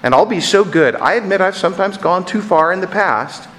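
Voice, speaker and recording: A man voicing a sly, flattering lizard that coaxes its master with insistent patter. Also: sits high, brisk, pitched above the performer's own voice. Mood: wheedling.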